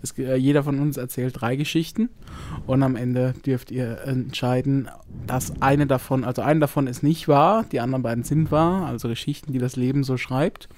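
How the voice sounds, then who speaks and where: A man's voice: medium pitch, fairly even intonation, moderate pace, darkish tone, slight background noise. A man hosting a podcast, chatting casually in a jovial, easily amused way. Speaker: podcast host. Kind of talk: casual chat.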